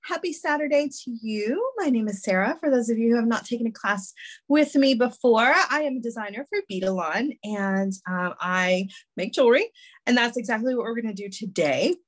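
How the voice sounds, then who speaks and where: With a fairly high voice at normal speed, a congested woman walks a craft class through the steps casually. Her voice is a little weak, and her friendly, chatty manner is full of ums and restarts.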